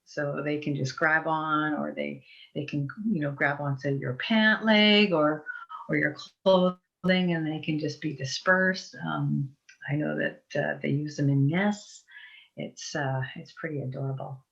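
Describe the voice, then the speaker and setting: A woman from Eastern Europe, appearing as a guest herbalist, gives an informal, chatty talk that wanders and restarts sentences often. Her voice is low, creaky, and fairly bright, steady in tone and a little slow. The online call audio is muffled.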